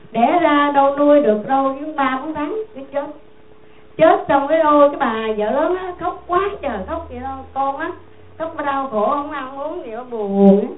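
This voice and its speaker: A woman's voice: sits high, a little hiss or hum. A woman with a Southern Vietnamese accent tells a Buddhist moral tale to listeners in a rambling, repetitive, conversational way. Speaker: storyteller addressing listeners. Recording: tinny phone-like sound in an echoey room.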